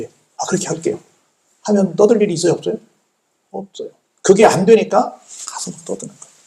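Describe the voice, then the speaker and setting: A man's voice: high voice, vocal fry, warm tone. A man, a pastor, preaching a sermon, asking rhetorical questions and answering them, repeating phrases for emphasis. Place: church sanctuary.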